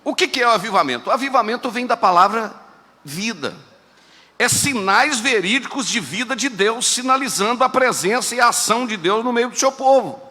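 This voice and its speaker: A man with a Minas Gerais Brazilian accent preaching a lively sermon as pastor, moving between quiet asides and shouted exhortations. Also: very high-pitched, fairly quick. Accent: Brazilian Portuguese, Minas Gerais. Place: church sanctuary. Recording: echoey church hall with faint noise.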